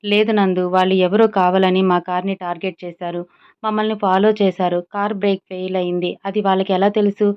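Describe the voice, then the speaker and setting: Tearful pleading young woman, read by a woman storyteller; smooth, lo-fi. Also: medium pitch, level tone, a little fast, lightly acted. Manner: pleading, urgent.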